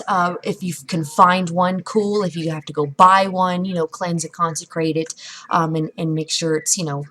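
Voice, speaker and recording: A woman vlogging from home at her computer desk, giving casual how-to tips in a rambling, chatty way with lots of fillers and restarts. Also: mid-range voice. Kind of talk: casual how-to talk to camera. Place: indoors at home. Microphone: camera mic at a computer desk.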